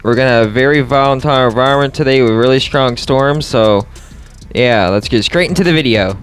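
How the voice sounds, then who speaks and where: Over soft background music, a male storm chaser and video host gives casual play-by-play to his viewers, addressing them directly and repeating short phrases. He talks a little fast at medium pitch.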